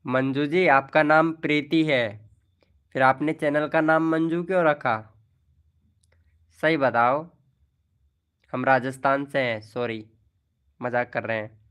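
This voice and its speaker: A man's voice: mid-range voice, slow, long pauses, a bit bright, clean tone. A man hosting a casual live stream, playfully teasing viewers as he reads their messages. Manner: playful, teasing, chuckling often.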